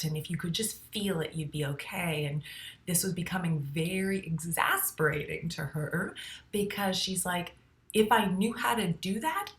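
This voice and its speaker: A woman's voice: mid-range voice, roomy sound. A woman psychotherapist hosting a show, explaining things in a casual, teaching way and sometimes using playful sound effects. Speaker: psychotherapist and podcast host.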